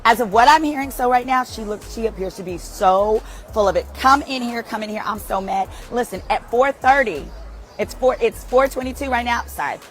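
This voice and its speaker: A woman's voice: on the high side, moderate pace, soft background music. Fired-up woman vlogging from court. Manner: emphatic and indignant, swears freely. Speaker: trial commentator. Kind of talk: live vlog commentary. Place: outside a courtroom.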